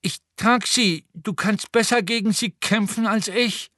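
A stubborn, clumsy teenage boy with a bloody nose speaks high and strained, stretching his words slowly and pleadingly. His voice sits far above the reader's own. The sound is close and dry. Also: pushed and bright, dry recording. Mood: determined.

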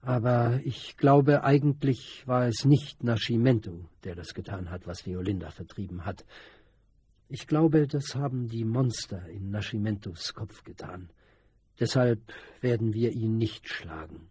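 An urgent, commanding boy who leads a street gang, read by a man. The voice is husky and dark. It is recorded close and dry. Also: lowish voice, measured pace, dry recording. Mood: grave.

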